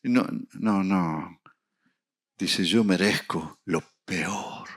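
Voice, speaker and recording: A middle-aged man preaching a sermon, telling a personal story with acted dialogue and rising to loud, emphatic peaks. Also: sits low, drawn-out words. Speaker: pastor.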